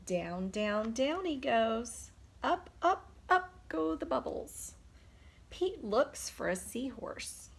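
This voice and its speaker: Female preschool storyteller, highish voice, unhurried delivery, engaging small children with simple questions. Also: creaky, breathy edge. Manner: expressive, simple questions addressed to young children. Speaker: preschool teacher reading a picture book aloud. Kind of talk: children's storytime read-aloud.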